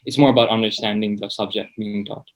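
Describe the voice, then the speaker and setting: Speaking fast in a lowish, steady voice, a seventeen-year-old young man from Nepal appears as a student interview guest. His chat is casual, hesitant and informal, with frequent uses of "like."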